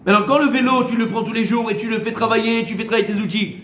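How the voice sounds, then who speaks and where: A man with a high voice leads a lively Torah class, teasing his students and firing questions at them. The room gives his voice a clear echo. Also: racing. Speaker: rabbi. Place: room with a small group of students. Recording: echoey room.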